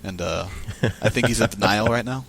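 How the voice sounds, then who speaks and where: A man's voice: lowish voice, fairly quick, creaky, a bit bright, a little hiss or hum. A man giving casual, chatty commentary on a card game match, thinking aloud as he goes.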